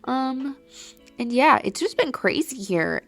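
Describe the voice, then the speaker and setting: Late at night at home, a young woman hosts a solo podcast, rambling casually with plenty of "like" and a slightly stuffy nose. Her voice is high-pitched and animated, her pace slow, with faint music in the background.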